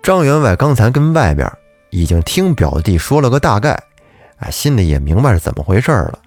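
A man narrating a folk ghost story on a podcast in a chatty, lively way, with asides to his listeners. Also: lowish voice, a little fast, no echo, faint music behind.

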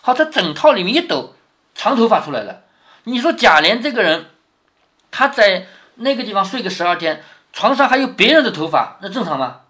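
A man's voice: sits high, big pitch swings, a little fast, pushed and bright. A man reading a classic novel to his daughter, stopping often to explain and to ask rhetorical questions. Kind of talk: reading aloud with commentary.

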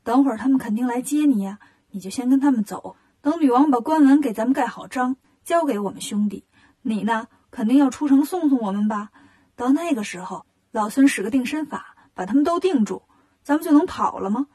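A woman's voice: fairly high pitch, animated, a little fast, warm tone, husky. A woman voicing a clever, confident male monkey disciple in a children's storybook, laying out a scheme. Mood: scheming.

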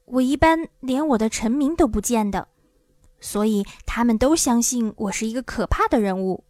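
A woman voicing a timid little old man who pretends to be a great wizard, speaking in a hushed, pleading way. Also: a little high, expressive, moderate pace, no echo, natural voice.

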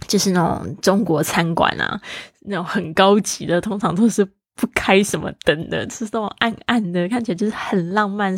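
A woman hosting a casual podcast English lesson, explaining at a chatty pace and slowly repeating phrases for practice, with Mandarin as her first language. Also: fairly low pitch, no echo, studio quality. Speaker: podcast host and English teacher.

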